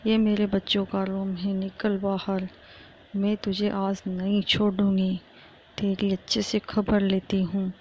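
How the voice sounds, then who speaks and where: A woman's voice: mid-range voice, monotone, a little slow, a little hiss or hum, lightly acted. A woman doing a cruel scolding stepmother. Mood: harsh scolding. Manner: shouting threats, scolding. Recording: muffled lo-fi recording.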